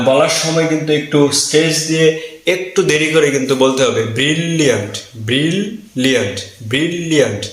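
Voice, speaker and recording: A man giving a whiteboard pronunciation lesson, slowly repeating the key word again and again. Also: a little high, a bit bright, echoey room, poor audio. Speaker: English pronunciation teacher. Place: indoor room with a whiteboard.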